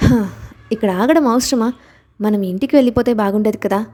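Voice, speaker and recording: An emotional young wife from an audiobook, quick to protest and speaking out at full feeling, as a woman narrator puts her on. Her voice sits mellow and dark, a touch higher than the narration, and the reading moves along steadily. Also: close to an everyday voice. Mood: pleading.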